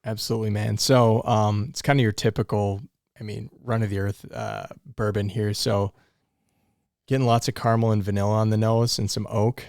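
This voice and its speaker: A man's voice: fairly low pitch, little pitch movement, normal speed, a little mellow, no room sound, studio quality. A man co-hosting, chatting casually and often asking "right?". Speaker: co-host. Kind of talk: casual chat.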